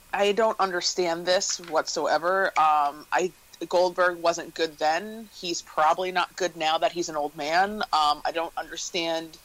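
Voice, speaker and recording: A man's voice: on the high side, a bit bright, poor audio. A married man co-hosting a casual podcast, rambling and hesitant, often restarting his sentences. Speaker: podcast co-host. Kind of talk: casual chat.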